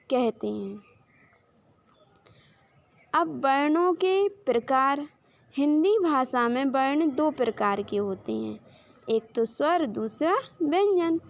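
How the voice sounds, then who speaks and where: A woman's voice: sits high, dry recording. A woman teacher giving a Hindi grammar lesson to children, calling them directly and sounding out letters and example words one by one, drawing the sounds out long. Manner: addresses the children directly, points to a chart.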